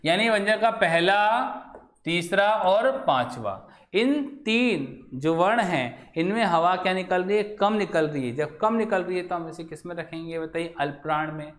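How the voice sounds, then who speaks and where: A man's voice: sits high, expressive, a bit bright. Questioning male Hindi teacher, echoey room. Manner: asks the class questions and answers them himself, drawn-out key words. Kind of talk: classroom lecture.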